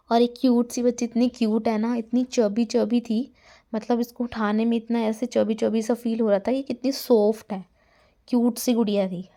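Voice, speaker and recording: Chatty young woman vlogger, mellow voice. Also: fairly high pitch. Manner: chatty, addresses viewers as bhaiya, mixes in English words. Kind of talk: chatty home vlog voice-over.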